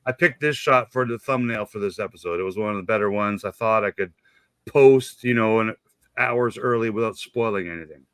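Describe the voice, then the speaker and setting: Older male host, excitable and jokey, dry close sound. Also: on the low side, a little fast, smooth, dry recording. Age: 50s. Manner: enthusiastic, rambling, jokey. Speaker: show host. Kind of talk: casual fan chat.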